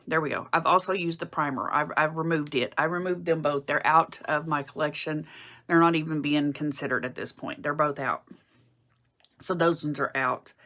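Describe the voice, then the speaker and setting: A woman's voice: low voice, bright, forceful tone. A woman in her forties chatting casually to camera about her makeup, rambling and often correcting herself mid-sentence. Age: 40s. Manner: rambling, self-correcting, with frequent fillers. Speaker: beauty vlogger.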